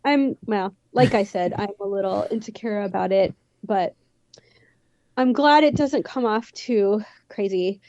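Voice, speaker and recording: Warm and unhurried at a medium pitch, a woman with a youthful, teenage-sounding voice, a slight lisp and a Valley Girl accent chats ramblingly as a podcast interview guest. She's a musician from San Fernando Valley, California, and the audio is lo-fi with no echo.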